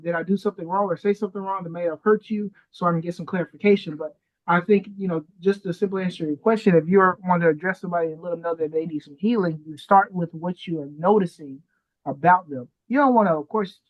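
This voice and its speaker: A man's voice: high voice, fast. A man co-hosting a podcast, easygoing and joking as he talks. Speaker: podcast co-host. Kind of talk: casual conversation. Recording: dull lo-fi audio.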